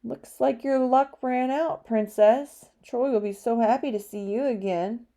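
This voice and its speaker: A woman voicing a gloating male thug in an audiobook, taunting slowly and pitching her voice up. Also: mellow. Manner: slow, taunting.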